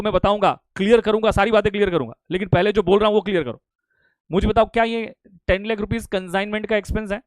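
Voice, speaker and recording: High-voiced Indian teacher drilling students. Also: male voice, no room sound. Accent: Indian English. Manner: drilling repetition, urging quick answers. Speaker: accounting teacher. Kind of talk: live online lecture.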